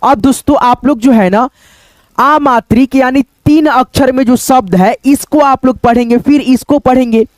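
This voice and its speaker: A man with a strikingly high voice gives a beginner's Hindi reading lesson, stretching out each letter and then blending the sounds into words. He keeps turning to his viewers with little checking questions. The sound is dry and close, with no room around it. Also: no echo. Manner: slow, drawn-out syllable-by-syllable sounding out, repeating each word.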